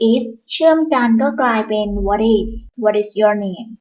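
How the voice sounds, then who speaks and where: A woman teaching beginners in a patient, instructional manner, repeating each phrase slowly. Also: on the high side, expressive, darkish tone, highs cut off. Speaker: English teacher. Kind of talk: slow instructional explanation.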